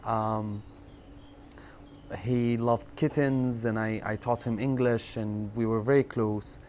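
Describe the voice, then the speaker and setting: A man in his thirties from Syria, telling his life story in an interview, reflective and halting, often repeating words and pausing on fillers. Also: lowish voice, steady tone, a little mellow. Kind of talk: personal storytelling in conversation. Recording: faint background noise.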